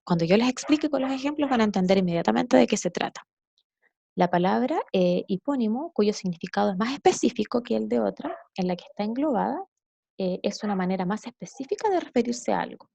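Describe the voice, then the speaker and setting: A woman's voice: mid-range voice, gravelly, dark tone, slightly rough, no room sound. A woman teacher giving a patient, explanatory recorded lesson to children, often checking in with her listeners.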